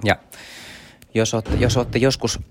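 A man's voice: medium pitch, level tone. A man hosting a podcast, giving a chatty walking tour and guiding listeners from space to space. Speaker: podcast host.

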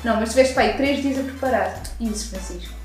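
Young woman, European Portuguese accent, high voice, expressive, jokey, podcast chat, very echoey room. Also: fast talker. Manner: expressive, reacts loudly and jokes. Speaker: podcast co-host. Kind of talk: casual chat.

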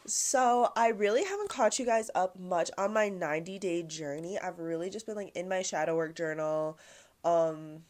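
A young woman in her twenties talks through her solo podcast in a loose, chatty way, dropping "like" into nearly every line and swearing casually. She sounds congested and a little nasal from a stuffy nose. Her voice sits a touch low for a woman. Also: normal speed, a little mellow. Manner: chatty, heavy use of "like", swearing. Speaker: podcast host.

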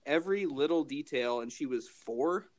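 A man co-hosting a casual comedy podcast, with a deadpan, wry way of joking. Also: medium pitch, normal speed, no echo. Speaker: podcast co-host.

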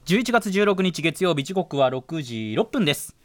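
A man's voice: a little high, sing-song, moderate pace, dry recording, studio quality, faint music behind. A man working as a radio announcer and co-host, courteous and attentive in announcements and casual responses.

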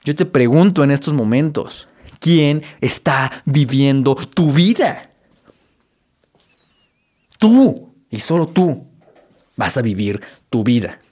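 A man hosting a podcast, giving an earnest motivational self-help monologue with emphatic, drawn-out stresses on key words. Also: mid-range voice, animated, a little mellow. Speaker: podcast host.

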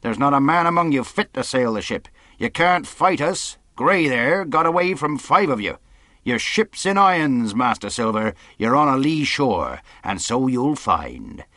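A man's voice: mid-range voice, very animated, a little slow, pushed and bright, no echo, studio quality, pitched above the performer's own voice. A man voicing a stern, defiant sea captain in an audiobook, with clipped, authoritative, emphatic delivery. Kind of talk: audiobook character acting.

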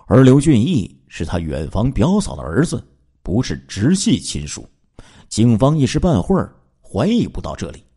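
A man's voice: medium pitch, huge pitch swings, moderate pace, warm tone, slightly rough. A man narrating a true-crime case in a dramatic storytelling way, with asides to his listeners.

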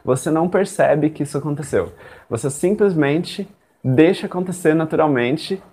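A man's voice: fairly high pitch, expressive, moderate pace, darkish tone, slightly rough. A young Brazilian man teaching English in casual chat, talking straight to his listeners and acting out his own past thoughts.

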